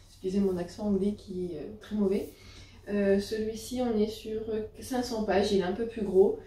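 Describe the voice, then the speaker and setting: A woman's voice: mid-range voice, warm tone. A woman chatting casually about her new books, with many fillers and self-corrections. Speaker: book vlogger. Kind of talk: casual book haul chat. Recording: roomy, a bit distant from the mic.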